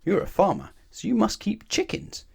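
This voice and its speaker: A man's voice: high voice, huge pitch swings, moderate pace, creaky, breathy edge, voice pushed up, full character voice. A man voicing a modest, helpful, very strong man in a children's storybook, in a plain, good-natured manner. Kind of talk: children's storybook character reading.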